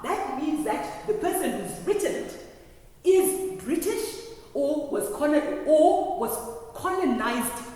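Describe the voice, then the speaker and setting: A woman with a fairly high voice teaches a class in lecture style. She explains point by point and keeps checking that listeners follow. The sound is very echoey, recorded from well back in a large room with faint noise. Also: a little mellow. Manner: explanatory, often pausing to check understanding. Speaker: lecturer teaching trainee early childhood teachers. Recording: very echoey hall, distant mic, faint noise.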